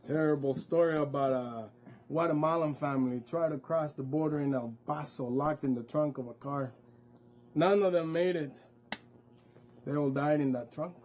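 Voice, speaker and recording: A man playing a menacing male official in a suit who speaks in slow, veiled threats. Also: on the high side, dark tone, close to an everyday voice.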